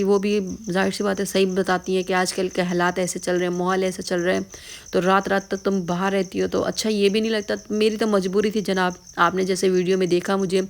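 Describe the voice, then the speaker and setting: A tired vlogger with a mid-range, creaky voice chats casually with her viewers, often calling them "janab." Her voice sounds hoarse and worn out.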